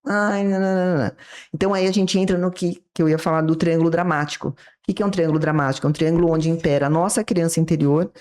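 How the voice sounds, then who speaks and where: A woman's voice: on the low side, fairly even intonation, quick pace, darkish tone. A woman with a Brazilian Portuguese accent, a psychiatrist guest explaining ideas in an interview and acting out short example dialogues. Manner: didactic, acts out little dialogues from examples.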